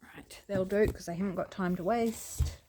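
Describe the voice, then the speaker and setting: Hosting a craft channel, this New Zealand woman talks at normal speed in a medium-pitched voice that's scratchy and gravelly. She's relaxed and chatty, thinking out loud as she works on her project.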